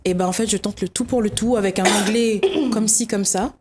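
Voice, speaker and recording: A woman's voice: medium pitch, a little fast, background noise. Young woman, telling her story on a talk show, acts out every voice. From Réunion. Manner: lively storyteller acting out dialogue. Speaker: guest.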